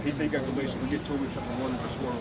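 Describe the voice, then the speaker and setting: This street preacher's voice sits at medium pitch with little movement, and he speaks rapid-fire. He's emphatic outdoors in the city, peppering his listener with questions, captured on a distant mic over heavy traffic.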